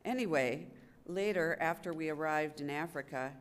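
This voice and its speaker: Speaking at a moderate pace in a deep voice, an older woman reads a wartime letter as a readers theater performer. She stands at a gooseneck podium mic indoors in a public gallery event room, where the live recording picks up clear noise.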